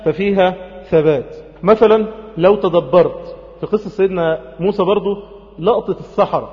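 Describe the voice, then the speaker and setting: A man preaching a sermon in Egyptian Arabic, lively, swinging between loud urging and soft, close tones, acting out the scenes he tells. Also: a little high, big-room sound, dull audio.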